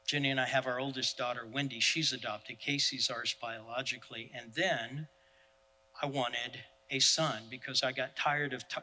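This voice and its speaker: A male pastor, preaching in an animated, self-deprecating storytelling style. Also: mid-range voice, long reverb tail, a little hiss or hum, rough recording. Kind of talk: sermon storytelling.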